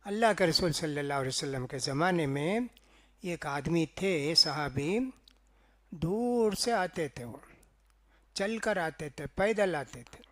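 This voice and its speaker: A man's voice: fairly high pitch, expressive, fairly bright tone. A male preacher giving a Ramadan sermon in a chatty, storytelling way, tagging phrases with "ji" and "na" and acting out the dialogue of his stories. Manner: conversational storytelling, frequent "ji" and "na" tags; acts out quoted speech in dialogue. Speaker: mosque preacher.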